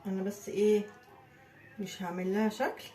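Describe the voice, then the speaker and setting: A woman's voice: mid-range voice, flat delivery, moderate pace, warm tone, faint music behind. A woman with an Egyptian accent chatting to viewers as she decorates a birthday cake in her home kitchen. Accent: Egyptian Arabic. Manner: chatty, talks viewers through each step. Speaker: home baking vlogger. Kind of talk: casual cake-decorating tutorial.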